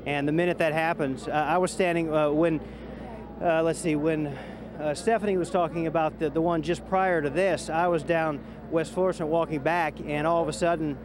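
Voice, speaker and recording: A man's voice: fairly high pitch, steady tone, normal speed. A man field reporter speaking live from a street, hesitant with many fillers. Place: outdoors on a busy street. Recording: crowd noise around.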